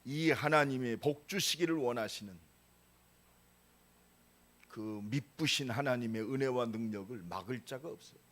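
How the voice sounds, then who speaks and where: A pastor in his sixties preaching a sermon, emphatic with sudden loud rises and casual storytelling asides. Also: mid-range voice, moderate pace, pauses often. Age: 60s.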